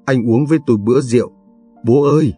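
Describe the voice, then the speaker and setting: A man reading aloud, voicing a poor, cheerful young villager who talks loudly and hurriedly. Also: mid-range voice, husky, soft background music, natural voice. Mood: lively. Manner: loud, hurried and warm.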